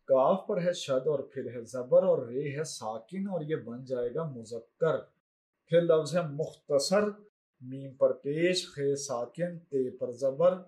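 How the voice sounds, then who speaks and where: Male teacher, Pakistani Urdu accent, patient dictation pace for a recorded lesson, warm mellow tone. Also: a little high. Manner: slow, step-by-step dictation.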